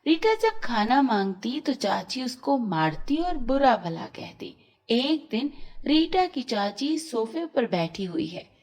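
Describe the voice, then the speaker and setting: A woman narrating a children's cartoon story in a slow, expressive storytelling manner. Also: a little high.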